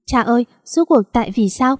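A woman's voice: on the high side, expressive, brisk, no echo, studio quality, lightly acted. A woman voicing a young man, a heartbroken lover who pleads and cries out in anguish, read in a storytelling voice.

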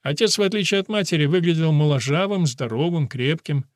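A male narrator reads a novel in a measured, steady manner. His voice sits on the high side for a man. It is captured close and dry, with no room sound. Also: dry recording. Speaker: audiobook narrator. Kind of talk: scripted narration.

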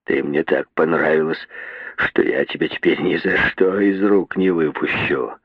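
A drunken young lecher, as a male reader plays him, leers in a deep, hoarse half-whisper. The voice is gravelly and husky, and the recording is dry and tinny like a phone. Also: measured pace, no room sound, heavily acted. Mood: rough. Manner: low hoarse near-whisper, leering. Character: drunken lecherous young man, coarse and pushy.

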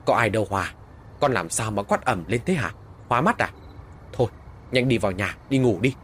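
A brisk, impatient mother scolding her child, as a male narrator voices her. The delivery is quick and firm, close to the storyteller's own voice, with faint ambience behind. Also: fairly low pitch, lively intonation, a bit bright, slight background noise.

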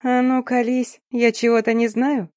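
A woman's voice: fairly high pitch, level tone, unhurried, dry recording, clean studio sound, pitched above the performer's own voice, natural voice. A woman voicing a young female friend who whispers her news in a scared, teasing, conspiratorial way. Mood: sly teasing. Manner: hushed, whispering, sly.

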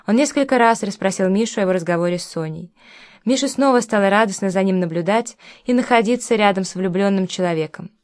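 A woman reading a novel aloud as an audiobook narrator, in a calm, even way. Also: medium pitch.

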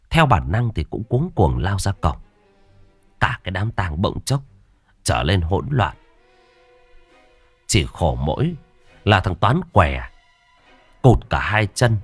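A man narrating a ghost story in a dramatic, expressive way, voicing every character himself. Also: fairly low pitch, no room sound. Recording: dry voice over faint music. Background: faint background music.

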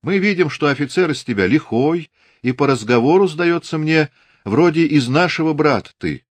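A man voicing a burly, blunt but friendly Cossack who talks in a slow, rustic dialect, in an audiobook. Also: on the high side, expressive, no room sound, pitched above the performer's own voice. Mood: blunt advice.

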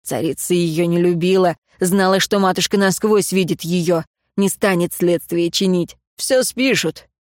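A woman voicing an embittered, grieving young man who speaks quietly with cold contempt, in an audiobook. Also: lowish voice, a little slow, hardly any pauses, no echo, studio quality, close to an everyday voice. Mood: bitter quiet.

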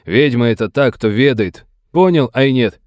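A man voicing a gruff folksy old settler. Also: medium pitch, expressive, normal speed, dry recording, studio quality, pitched above the performer's own voice, close to an everyday voice. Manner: folksy, blunt, scolding. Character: gruff older male Russian settler.

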